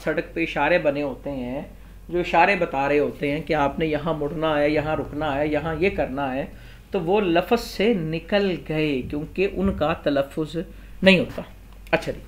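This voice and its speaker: Pakistani man teaching a grammar lesson. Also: fairly high pitch. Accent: Pakistani Urdu. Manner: explains step by step, poses and answers objections. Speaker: Islamic scholar teaching Arabic grammar.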